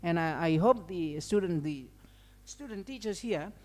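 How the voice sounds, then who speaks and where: With a lowish, darkish voice, lively intonation, and a measured pace, an Indonesian-accented woman presents an academic lecture. She serves as seminar speaker and language educator, conversational throughout, adding informal asides and frequent "okay" and "right." A long hall reverb is present.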